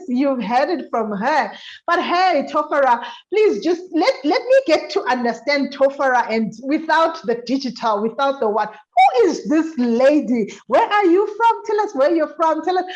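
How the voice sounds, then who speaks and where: A woman with a high, bright voice hosts a talk show with lots of energy. She hypes up her guest and calls out directly to the viewers. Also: unhurried, low-quality recording. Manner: lively, hyped, addresses viewers directly. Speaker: show host.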